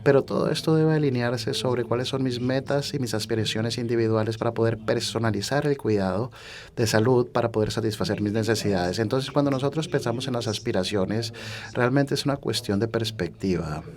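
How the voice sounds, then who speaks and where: A man working as a conference interpreter, speaking in measured phrases with halts and self-corrections. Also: mid-range voice, a little mellow. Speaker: simultaneous interpreter.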